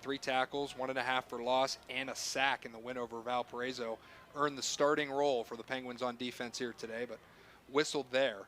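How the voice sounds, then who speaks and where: A man's voice: mid-range voice, flat delivery, a little fast, a bit bright, slight background noise. A man calling live football play-by-play in short phrases that follow the action. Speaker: play-by-play announcer. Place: stadium broadcast booth.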